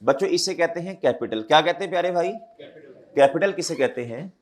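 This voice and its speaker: A man's voice: a little high, lively intonation, a little fast. A man with a sore throat, giving a classroom accounting lecture and repeating his questions back to the students.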